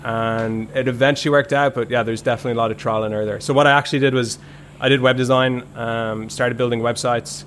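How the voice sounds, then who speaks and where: Relaxed man telling his story. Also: mid-range voice, quick pace, slight background noise. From Ireland. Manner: relaxed, rambling, many "like" fillers. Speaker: podcast guest. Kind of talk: casual conversational storytelling.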